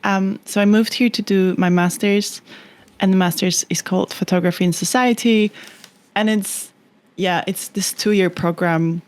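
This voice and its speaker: A woman's voice: medium pitch, fairly even intonation, unhurried, a little mellow. A young woman from Poland, a photographer guest on a podcast, talking thoughtfully in a rambling way with many fillers. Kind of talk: casual interview chat.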